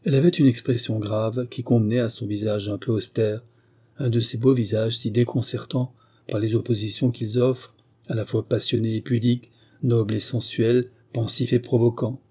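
A man's voice: medium pitch, flat delivery, normal speed, mellow, breathy edge. A man reading a classic adventure novel aloud as an audiobook narrator, telling it steadily and raising his voice for the characters' exclamations.

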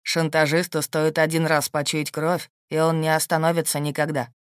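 A woman reading an audiobook, voicing a calm, shrewd and protective husband in a steady, dry, matter-of-fact way. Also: sits low, normal speed, clear, resonant tone, no room sound, pitched below the performer's own voice, lightly acted. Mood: calm, firm. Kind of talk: audiobook character voice.

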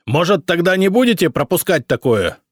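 A man reading an audiobook, voicing a gruff, irritable middle-aged emperor who grumbles and barks at his servant. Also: medium pitch, very animated, measured pace, a little mellow, dry recording, studio quality, pitched above the performer's own voice. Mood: angry barking. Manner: barking, exasperated outbursts.

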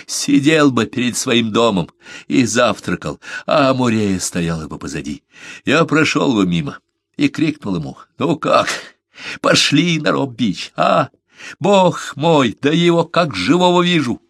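A man's voice: lowish voice, expressive, normal speed, no room sound, clean studio sound. A man doing Becker, raging and raw. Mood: grieving rage. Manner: shouting, fierce, hoarse outbursts. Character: furious grieving man, half-mad with rage.

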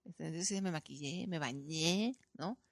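A woman's voice: sits low, unhurried, dry recording, clean studio sound. A woman with a Mexican accent hosting a podcast, chatting casually and acting out the people in her story. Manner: animated storytelling, acting out quoted voices. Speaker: podcast host. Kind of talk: casual chat.

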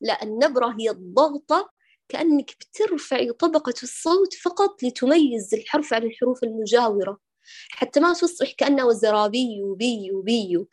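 A woman teaching Quran recitation, patiently correcting a student and slowly demonstrating throat letters. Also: sits high, darkish tone. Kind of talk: online recitation correction lesson.

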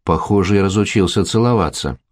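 A man's voice: sits low, fairly quick, a little mellow, no echo, clean studio sound, close to an everyday voice. A man voicing a scarred, anxious young male actor in an audiobook, glum and self-mocking.

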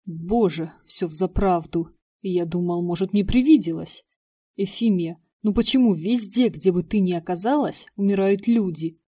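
A woman reading the part of an agitated young gentleman in an audiobook. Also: high voice, moderate pace, slightly rough. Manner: exasperated, excitable.

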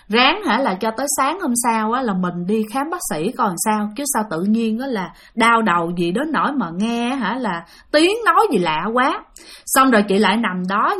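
A woman's voice: on the high side, a bit bright. A woman with a Southern Vietnamese accent narrating a ghost story in a chatty way, speaking to her listeners directly and repeating words for effect.

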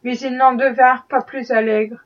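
High-voiced woman reading a novel. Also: level tone, moderate pace, dull audio. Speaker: audiobook reader. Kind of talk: scripted novel narration.

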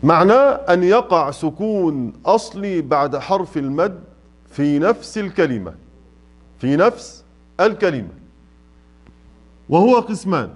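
Pitched high and swinging widely up and down, his voice moves at a moderate pace. He teaches Quran recitation with an Egyptian Arabic accent, running a tajweed class in a mosque classroom, elongating his examples and putting questions to the students.

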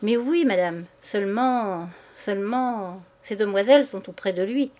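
A woman voicing a stout, slovenly middle-aged maid who talks bluntly and haltingly. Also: mid-range voice, darkish tone, close to an everyday voice.

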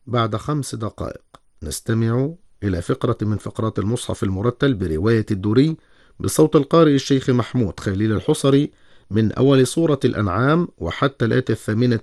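A male radio announcer reads a formal program announcement at a brisk pace. His voice is dry and close, with no room echo, as in a broadcast studio. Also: mid-range voice, a little mellow.

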